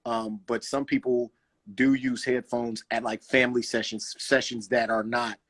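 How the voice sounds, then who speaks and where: A man talking casually as a guest roller skater, in an animated way, with loose slang and a habit of restarting phrases. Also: medium pitch, normal speed. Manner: animated, loose slang, restarts often, says "you know what I'm saying". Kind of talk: casual conversation.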